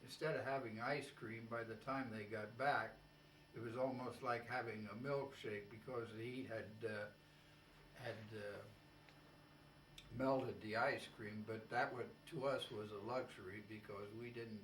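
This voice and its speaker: An elderly American man speaks as an old veteran remembering, in a halting, measured way with long pauses. His pace is very slow. The recording is echoey and distant, with a faint hum behind him. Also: mid-range voice, steady tone, fairly bright tone. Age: elderly, 80s or older. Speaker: war veteran being interviewed.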